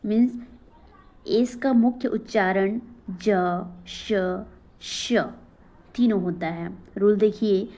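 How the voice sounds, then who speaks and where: A woman teacher leads a phonics lesson at an unhurried pace, with a soft, warm tone. She asks a question, then repeats the answer herself. Now and then she breaks off to encourage her students. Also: medium pitch, low-quality recording. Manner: breaks into recited motivational verse. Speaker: English teacher.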